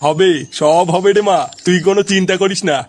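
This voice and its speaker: A voice actor playing a sly fake holy man who talks in a slow, soothing, honeyed way. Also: mid-range voice, steady tone, a little mellow, slight background noise, natural voice.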